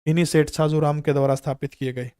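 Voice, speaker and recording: A man's voice: fairly high pitch, fairly even intonation, fast talker, mellow, smooth, no room sound, studio quality. A man in his thirties with a Haryanvi accent, teaching an online general-knowledge exam class and quizzing students with rhetorical questions.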